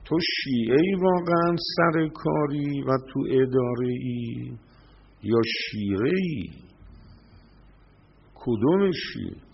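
Gravelly-voiced male preacher. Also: mid-range voice, animated. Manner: addresses listeners directly with rhetorical questions. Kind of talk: sermon with storytelling. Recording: dull lo-fi recording.

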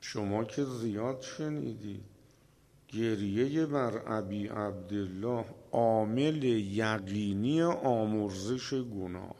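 A preacher tells a story in a religious sermon, his fairly low, warm voice slow and emphatic. He uses dramatic pauses and lets his voice swell at the key moments.

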